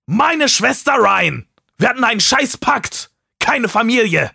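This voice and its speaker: A man's voice: high-pitched, animated, normal speed, creaky, slightly rough, no room sound, clean studio sound, voice pushed up, heavily acted. A man voicing an angry young brother in an audiobook, hurling accusations at a friend. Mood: furious. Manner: shouting accusations.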